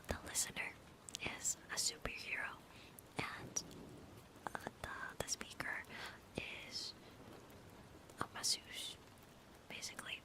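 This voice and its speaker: A woman livestreamer in a whispered ASMR stream chat, softly thanking viewers and halting with fillers. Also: poor audio.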